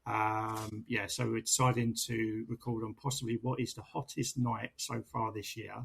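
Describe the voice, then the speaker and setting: A man's voice: fairly low pitch, flat delivery, normal speed, vocal fry, husky. A man hosting a sports podcast in casual, chatty style. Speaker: podcast host.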